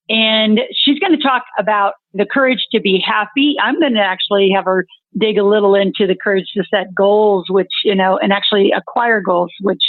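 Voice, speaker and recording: A woman hosting a podcast interview, talking in a brisk, upbeat presenter manner. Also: mid-range voice, no room sound. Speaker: podcast host. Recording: tinny phone line, dry, faint music behind.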